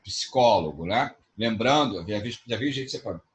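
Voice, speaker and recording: Brazilian male teacher, mid-pitched, explanatory lecture manner, checks in with students often. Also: expressive, fairly quick, fairly bright tone. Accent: Brazilian Portuguese. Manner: explanatory, with frequent tag questions. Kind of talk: online class lecture.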